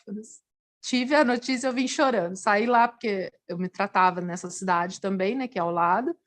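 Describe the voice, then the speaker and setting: A Brazilian-accented woman speaks as a guest on a TV talk show, recounting her own experience. Her voice sits somewhat high and keeps swinging upward when the feeling builds. She talks earnestly and expressively, in a conversational way. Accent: Brazilian Portuguese. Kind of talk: personal story in a TV interview.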